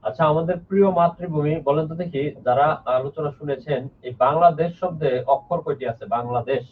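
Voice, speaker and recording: A man's voice: fairly high pitch, brisk, recorded from a distance. A man teaching a live online grammar lesson, explaining step by step, repeating key points and reading out viewers' names. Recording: lo-fi phone-like sound from off the mic.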